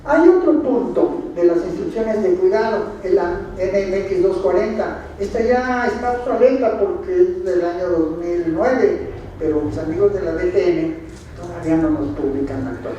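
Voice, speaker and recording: A man's voice: high-pitched, normal speed, dark tone, dull audio. Mexican man lecturing in an echoey hall. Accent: Mexican Spanish. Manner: quizzes the audience, dry ironic asides. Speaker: conference speaker. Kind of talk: lecture with slides. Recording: very echoey hall, distant, faint noise.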